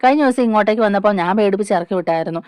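A woman's voice: medium pitch, very fast, a little mellow, clear, resonant tone, no echo, studio quality, natural voice. A woman voicing an irritated, dismissive young woman in a storybook retelling. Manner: curt, dismissive.

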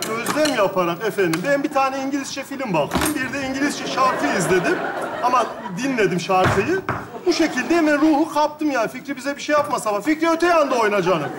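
A man performing a stage comedy sketch, talking in a boastful, bossy way and often calling out to someone offstage. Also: very high voice. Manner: boastful, bossy, shouts to an unseen kid. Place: stage before a live audience. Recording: noisy stage with audience. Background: audience laughter.

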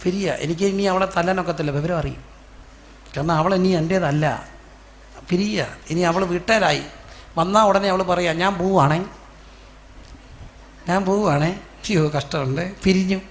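A man's voice: sits high, moderate pace, long pauses. Pastor guy telling stories in a sermon, asks the crowd stuff, faint hiss behind. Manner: storytelling, quizzing the congregation with questions; acts out quoted voices.

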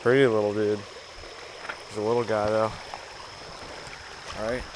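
A teenage boy vlogging a fishing trip by a creek, chatty and excited, filmed on an action camera outdoors. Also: lowish voice, unhurried, background noise. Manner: excited, chatty, says dude a lot. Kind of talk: casual outdoor vlog narration.

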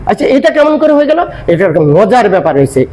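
High-voiced older man teaching grammar. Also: very animated, quick pace, mellow. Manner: explanatory, asks and answers his own questions. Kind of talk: classroom-style grammar lesson.

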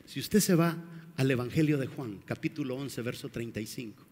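A man's voice: medium pitch, normal speed, darkish tone, breathy edge, long reverb tail. A male pastor preaching a dramatic sermon, firing rhetorical questions at the congregation.

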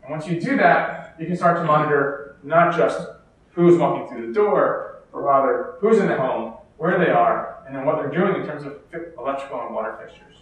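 A man's voice: fairly high pitch, moderate pace. Man lecturing in an echoey hall. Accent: American. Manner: explanatory, steady, with occasional fillers and restarts. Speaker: keynote speaker. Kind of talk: conference keynote lecture. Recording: echoey hall, distant mic.

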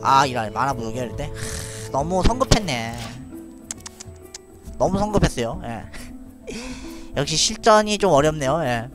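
A man's voice: on the high side, sing-song, unhurried, long pauses, over music. A man streaming a card game live, thinking aloud about his moves and laughing often as he chats with viewers. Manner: chatty, thinks aloud, frequent little laughs. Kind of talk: live gameplay commentary.

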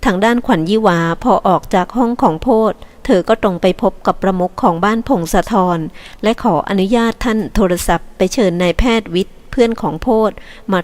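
Woman reading a novel aloud, measured. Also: medium pitch, a little mellow. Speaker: audiobook narrator. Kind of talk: scripted novel narration.

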